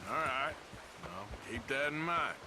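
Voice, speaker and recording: A man as Arthur Morgan, terse cowboy amid loud noise. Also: medium pitch, animated, measured pace, lightly acted. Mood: dry, reserved. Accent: American. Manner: terse, dry. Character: laconic, sardonic Old West cowboy on horseback. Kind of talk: video game western acting. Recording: very noisy outdoor horse and hoof sounds.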